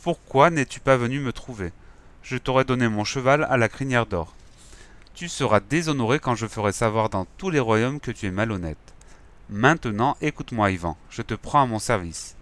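A man voicing a stern, possessive old king in a storybook reading, speaking slowly and emphatically. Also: medium pitch, expressive, fairly bright tone, natural voice.

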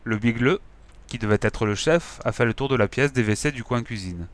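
A man reading a children's story aloud in a lively, expressive way. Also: mid-range voice, a little fast. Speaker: audiobook narrator. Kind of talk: scripted children's story narration.

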